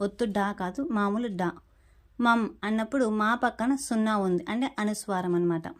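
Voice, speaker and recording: Female devotional teacher. Calm, methodical explanations of chant pronunciation, with slow syllable-by-syllable demonstrations. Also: mid-range voice. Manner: patient, spells out syllables slowly when demonstrating.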